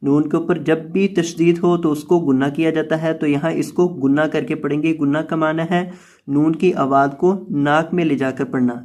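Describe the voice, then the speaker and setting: Patient man teaching Quran letters slowly. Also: fairly high pitch, steady tone, darkish tone. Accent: Pakistani Urdu. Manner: patient, repetitive explaining, stretches recited syllables slowly. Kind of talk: slow tajweed lesson, spelling out letters and drawing out syllables.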